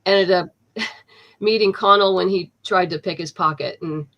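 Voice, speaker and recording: Speaking unhurriedly in a fairly low, fairly bright voice, a woman comic book writer is interviewed as a guest and keeps things chatty, with lots of fillers, restarts and easy laughter. The highs in the recording are cut off.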